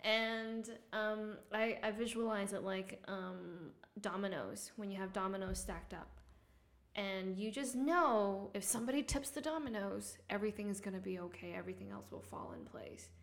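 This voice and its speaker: A woman's voice: mid-range voice, normal speed, vocal fry. A woman guest on a casual podcast, earnestly offering advice in a coaching way.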